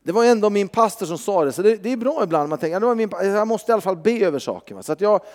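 A man preaches in a high, lively voice, telling a story in a chatty, animated way. His words ring out with the long reverb of a church hall. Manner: animated, conversational, frequent tag questions. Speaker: pastor. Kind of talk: sermon with personal testimony.

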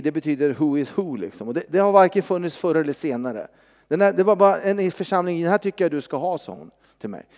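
A man preaching a sermon, animated and conversational, often tossing in quick tag questions as he tells a story. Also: a little high, in a large hall. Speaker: pastor. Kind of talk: sermon with personal testimony.

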